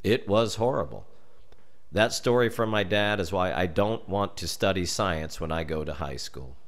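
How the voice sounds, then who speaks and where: Deliberately and dramatically, a low-voiced American man tells a scripted horror story for children, his delivery animated.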